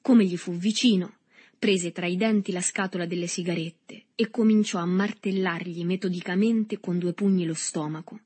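A woman narrating a novel with a steady literary reading. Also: fairly low pitch, moderate pace, slightly rough.

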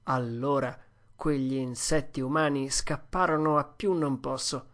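A narrator giving a steady, expressive first-person reading of a classic adventure story as an audiobook. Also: mid-range voice, unhurried.

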